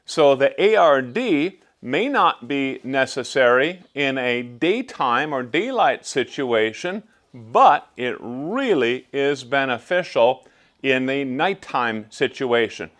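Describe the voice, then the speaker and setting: Male vlog host, mid-pitched, very unhurried, conversational explainer delivery. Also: expressive, a bit bright. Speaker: host explaining shooting gear tests.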